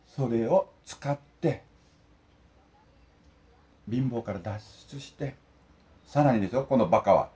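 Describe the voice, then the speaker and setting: A man's voice: mid-range voice, a little mellow. An older man ranting indignantly and emphatically to his viewers while eating lunch at home. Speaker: vlogger.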